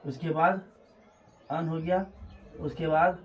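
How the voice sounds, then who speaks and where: A man's voice: fairly high pitch, steady tone, distant mic, highs cut off. A man teaching a classroom lesson on Hindi vowels, repeating each sound and checking in with his students. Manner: repetitive, checks in with students, drawn-out words.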